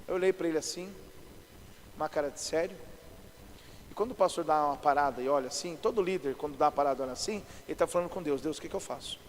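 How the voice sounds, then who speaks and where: A man with a Brazilian Portuguese accent preaching a lively storytelling sermon as a pastor, swinging from hushed to loud. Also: a little high, fast talker. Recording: reverberant hall, faint noise.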